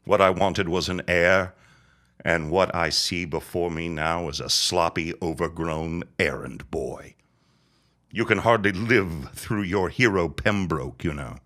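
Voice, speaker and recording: In a period audio drama, an older man voices a dying old reverend and landowning father who is bitter and out for vengeance. He speaks a little slowly in a low, pushed, bright voice, with a grand and contemptuous manner.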